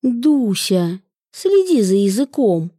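A woman voicing a brisk, mock-stern middle-aged mother in an audiobook. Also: fairly high pitch, very animated, mellow, no room sound, clean studio sound, voice pushed up.

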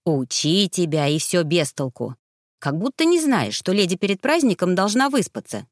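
A grumbling older housekeeper, as a woman reader puts her on, pitched lower and scolding with fond fussiness. The storybook reading stays close and dry. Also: very animated, normal speed, no room sound.

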